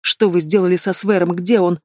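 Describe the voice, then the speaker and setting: A man putting on a young noblewoman in an audiobook, high and passionate, pleading and flaring up in defiance. The voice sits fairly high, close and dry. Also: fairly even intonation, a little fast, no room sound, lightly acted. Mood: shocked. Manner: pleading, emotional outbursts.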